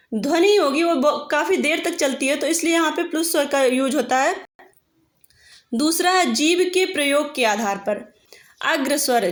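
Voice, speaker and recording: A woman's voice: high voice, echoey room. A woman teacher giving a patient grammar lesson, stretching out example vowel sounds as she explains.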